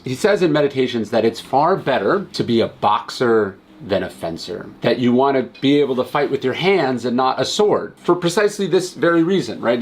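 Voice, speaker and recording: A man with a mid-range, slightly breathy voice hosts a casual yet earnest commentary on philosophy and a film. He repeats words, restarts conversationally, and grows more intense as he builds to emphatic key points.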